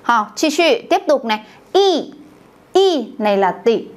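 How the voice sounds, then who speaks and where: A woman's voice: a little high, sing-song, measured pace. Woman teaching a Chinese class. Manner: calls on the class to repeat aloud, checks with questions. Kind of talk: classroom language lesson.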